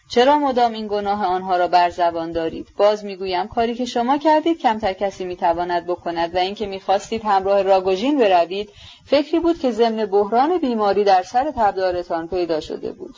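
A woman voicing a gentle, earnest young prince who speaks softly and with sympathy, in an audiobook. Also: mid-range voice, muffled recording, natural voice. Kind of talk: audiobook character reading.

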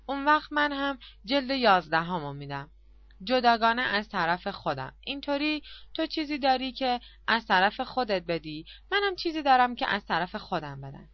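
A bashful, flustered old man, voiced by a woman reading an audiobook, who stumbles over his words and trails off in a soft, halting way. The recording is dry and slightly muffled, with little room sound. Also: fairly high pitch, very animated, no room sound. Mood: timid, flustered. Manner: hesitant, sheepish, faltering.

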